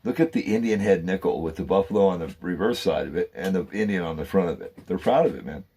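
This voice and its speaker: A man's voice: deep voice, fast talker, dark tone, slightly rough. A man hosting his own channel, delivering a rambling, fervent monologue and calling out to viewers as guys and man. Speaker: channel host.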